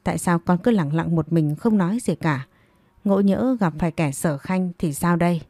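A woman's voice: on the low side, moderate pace, dark tone, dry recording. Woman doing a stern demanding mother. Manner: stern questioning, insistent. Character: stern wealthy middle-aged mother, anxious and demanding.

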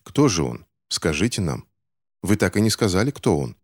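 A man's voice: low-pitched, big pitch swings, moderate pace, no room sound, studio quality. A man voicing a gloomy, earnest boy in an audiobook, blunt and serious. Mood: grave.

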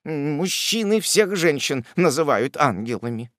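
A man's voice: a little high, big pitch swings, unhurried, a bit bright, dry recording, clean studio sound, pitched above the performer's own voice. A man voicing a shy, sentimental unmarried middle-aged aunt who speaks coyly, with a fluttering manner, in a storybook reading.

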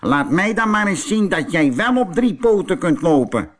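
A man's voice: medium pitch, measured pace, pitched above the performer's own voice, close to an everyday voice. A man voicing an annoyed male rhinoceros in a children's story, curt and challenging.

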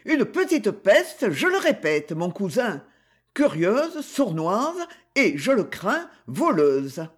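A man reading a novel aloud, voicing a sharp, suspicious young woman who accuses someone. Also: high voice, huge pitch swings, takes it slowly, heavily acted. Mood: accusing.

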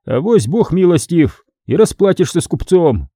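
A harsh tax scribe from old times, stern and mocking, his voice raised high and loud above the reader's own, as a man puts him on. The tone is dark and mellow, with a lively swing in pitch. The recording is close and dry, as in an audiobook. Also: measured pace, dry recording, heavily acted.

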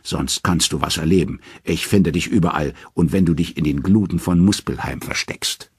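A mighty, hot-tempered thunder god who roars his threats, as a male narrator acts him out. The voice sits very low and husky, recorded close and dry. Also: normal speed, a little mellow, no echo. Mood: furious. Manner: roaring, threatening. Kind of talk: audiobook character voice.

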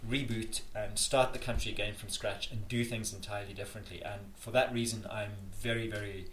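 Speaking fast with a lowish, fairly bright voice and fairly even intonation, this South African campaigner gives earnest, emphatic interview answers. He often starts his sentences over. Faint noise and echo fill the room.

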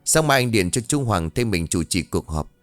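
A man's voice: lowish voice, sing-song, normal speed, no room sound, soft background music. A man voicing a worried middle-aged husband who speaks earnestly, soothing his wife and asking after his missing daughter.

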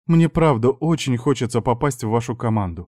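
A man's voice: mid-range voice, expressive, fairly quick, a little mellow, no room sound, clean studio sound, lightly acted. A man voicing a diligent, shy young woman student in a read-aloud story, speaking in an apologetic, earnest way.

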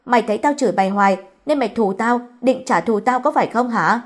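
Woman voicing a shrill scolding old mistress. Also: brisk, close to an everyday voice. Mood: furious. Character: harsh old female mistress, scolding and bad-tempered.

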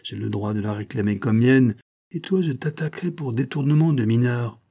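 A man's voice: medium pitch, moderate pace, warm tone, close to an everyday voice. A man voicing a brutish, menacing male showman in an audiobook, speaking in a blustering, threatening way.

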